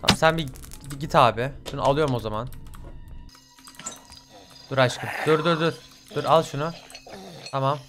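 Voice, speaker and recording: A young man commentating his own horror game playthrough, swearing often, bursting into yells and slipping into English curses. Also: medium pitch, normal speed, long pauses, over music. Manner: excitable, swears a lot, sudden yelling outbursts. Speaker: gaming channel host. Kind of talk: let's play commentary.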